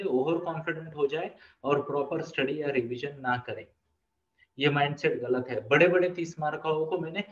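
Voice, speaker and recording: A man's voice: fairly high pitch, reverberant, distant mic, lo-fi sound. A man who is a life coach and author, giving students an earnest motivational talk and often repeating requests to take note. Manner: earnest, repeats "please note" and asks the audience questions.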